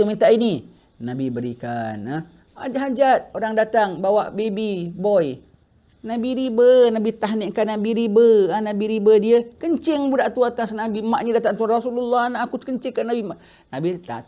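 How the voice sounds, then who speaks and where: A middle-aged man teaching a religious class, telling a story with lively acted-out quotes. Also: high-pitched, moderate pace. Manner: animated storytelling, acting out quoted voices. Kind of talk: sermon storytelling in Malay.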